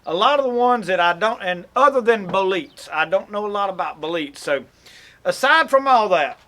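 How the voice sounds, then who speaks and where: Man with a Mississippi Southern accent, high voice, folksy, rambling, casual how-to talk. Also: animated, moderate pace, bright, forceful tone. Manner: folksy and rambling, with self-corrections. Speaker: outdoors channel host.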